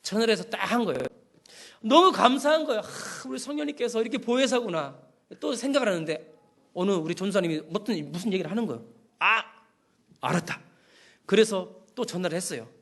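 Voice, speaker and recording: A middle-aged man with a high voice preaches from the pulpit. He tells stories and acts out phone calls in an animated way. His voice rises and falls often as he goes. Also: fairly quick, long pauses. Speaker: pastor. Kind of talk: sermon.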